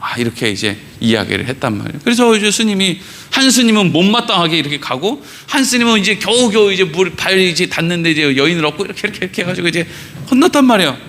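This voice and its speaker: In a church sanctuary, a middle-aged pastor delivers a Wednesday sermon in a high, bright voice, talking fast. He's an animated storyteller who acts out his characters' dialogue and keeps asking the congregation questions.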